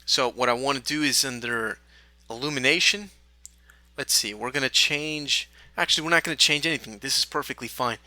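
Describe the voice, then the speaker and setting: A man teaching a software tutorial, talking through each step in a relaxed way with small fillers. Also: medium pitch, a little fast, no echo. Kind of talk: screen-recorded software tutorial.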